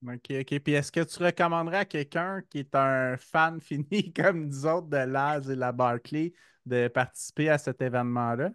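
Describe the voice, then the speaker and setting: A man's voice: on the high side, moderate pace, a bit bright, smooth, no room sound, clean studio sound. A man with a Québécois French accent hosting a podcast, asking easygoing questions with hesitations. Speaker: podcast host. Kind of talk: casual interview questions.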